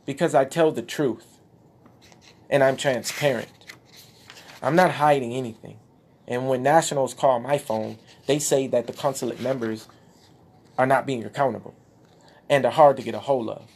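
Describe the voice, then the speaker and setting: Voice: medium pitch, darkish tone, slight background noise. Impassioned speaker, preachy and emphatic. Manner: preachy, emphatic, exclaims at times. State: out of breath. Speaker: speaker addressing followers. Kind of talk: impassioned monologue showing documents.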